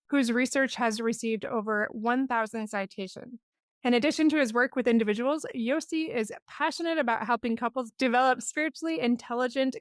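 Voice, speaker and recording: A woman's voice: on the high side, dry recording, studio quality. A woman hosting a podcast interview, upbeat and enthusiastic. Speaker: podcast host.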